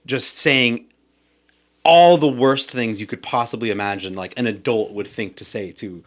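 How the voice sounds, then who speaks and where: A man's voice: medium pitch, moderate pace. A young man on a podcast, telling a personal story in casual chat, with plenty of swearing and acted-out quotes. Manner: animated, swears a lot, acts out quoted yelling. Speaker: podcast guest.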